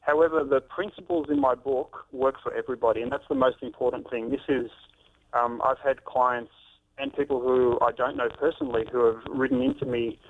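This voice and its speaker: Over a tinny phone line, a fitness author and trainer in his thirties talks earnestly in a phone-in interview, with lots of "um"s and restarts. His mid-range voice is creaky, and he speaks briskly with lively intonation.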